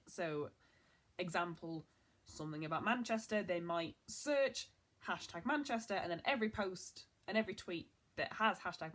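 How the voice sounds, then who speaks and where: A young woman presenting a casual online marketing tutorial in an upbeat, chatty way, with a lot of "so" and "like". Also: mid-range voice.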